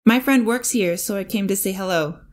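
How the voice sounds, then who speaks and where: A woman voicing a nervous, earnest young male hero in a fanfic audiobook, speaking hesitantly and politely, a bit above her own pitch. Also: a little fast, natural voice.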